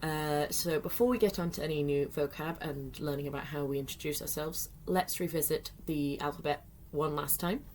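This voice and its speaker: A woman's voice: sits low, moderate pace, few pauses, darkish tone, slight background noise. A woman teaching sign language in a friendly tutorial, explaining patiently step by step with the odd filler.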